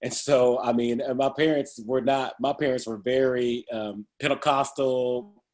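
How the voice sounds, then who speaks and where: A man's voice: mid-range voice, steady tone, unhurried, darkish tone. A middle-aged man telling stories about his life in a casual interview, humorous and often laughing as he talks. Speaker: interview guest. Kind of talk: storytelling in a casual conversation.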